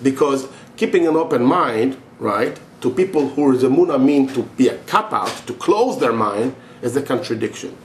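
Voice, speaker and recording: A man's voice: medium pitch, animated, moderate pace, hardly any pauses. Emphatic middle-aged man, echoey room. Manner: emphatic, repeats himself, rising and insistent. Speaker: religious teacher answering a question. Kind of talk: impassioned monologue to camera. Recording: echoey room with faint noise.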